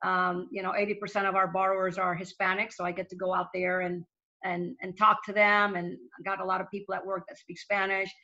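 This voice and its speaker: Fairly quick and sharp in tone, her mid-range voice showing little pitch movement, a middle-aged Venezuelan lender to small businesses speaks earnestly on a panel. She repeats words as sentences begin, and the recording sounds dull and lo-fi.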